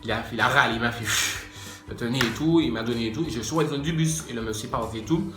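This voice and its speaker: A man's voice: mid-range voice, racing. A man telling a casual storytime to his viewers, slangy and chatty, addressing them directly. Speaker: YouTuber. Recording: echoey room with faint music.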